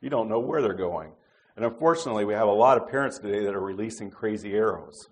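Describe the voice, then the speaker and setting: A middle-aged man preaching a sermon in a conversational way, pausing with fillers and restarting his sentences. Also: on the low side, animated.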